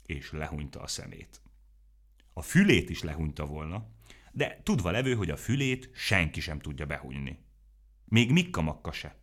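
Low-voiced, animated male storyteller. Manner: expressive, animated. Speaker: narrator. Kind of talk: storybook reading.

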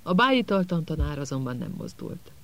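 A man giving a measured, scripted audiobook narration. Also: fairly high pitch, sing-song, fairly bright tone.

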